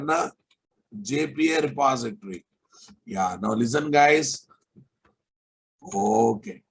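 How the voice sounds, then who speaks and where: A man teaching a live online software class, sternly repeating phrases and checking that students follow. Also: mid-range voice, creaky, a little hiss or hum. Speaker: programming instructor.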